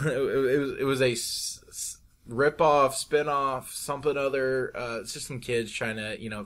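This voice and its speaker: A young man at a middle pitch talks casually over his drawing session. He rambles from one thought to the next and often stumbles and restarts his sentences. It sounds like a relaxed, chatty commentary. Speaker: YouTube artist.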